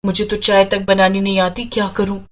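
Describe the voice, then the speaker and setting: A woman voicing a hot-tempered young woman in a storybook, shrill and scolding. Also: completely flat delivery, natural voice. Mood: worried. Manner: shrill, scolding, fast when angry. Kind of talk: storybook character voice.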